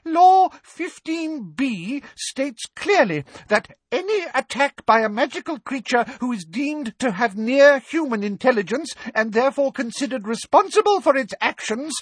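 A man voicing a shrill, pompous, terrified woman official who speaks in a high-pitched, prim manner. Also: expressive, measured pace, few pauses, breathy edge, no room sound, heavily acted. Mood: shrill fear.

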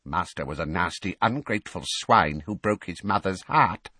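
A man's voice: medium pitch, wildly swooping pitch, moderate pace, fairly bright tone, breathy edge, no room sound, voice pushed up, exaggerated voice. A man voicing a bitter, servile old house-elf in a storybook, muttering about himself in the third person. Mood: bitter, resentful.

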